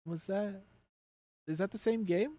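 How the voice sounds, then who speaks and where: A man streaming a let's play chats casually as he plays, his voice sitting high with a dark tone, unhurried, and no room sound. He calls himself a nerdy enthusiast and rambles as he thinks aloud, giving loose, sweary, nerdy live commentary.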